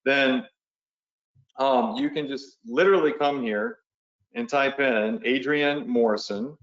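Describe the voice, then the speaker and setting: A man's voice: mid-range voice, slow, fairly bright tone, roomy sound, highs cut off. A man hosting a live online training, casual and chatty, walking viewers through steps and checking in with them often. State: has the hiccups. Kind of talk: casual live webinar walkthrough.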